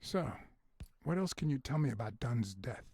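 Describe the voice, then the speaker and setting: A hard-boiled noir detective from a video game. He is husky and creaky, with a wry, dry manner and a close, dry sound. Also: mid-range voice, animated, moderate pace, a little mellow, dry recording. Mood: probing, cool. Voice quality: husky, gravelly.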